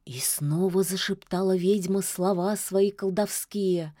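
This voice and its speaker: A woman narrating a fairy tale in a calm, folksy storytelling manner. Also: medium pitch, unhurried, no echo, studio quality.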